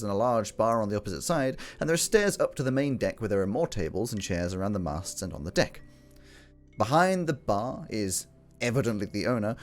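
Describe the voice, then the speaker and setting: A man's voice: medium pitch, darkish tone. A man narrating as game master of a tabletop game, chatty and prone to laughing. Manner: laughs often, chatty with asides. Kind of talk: narrating a tabletop game over live stream.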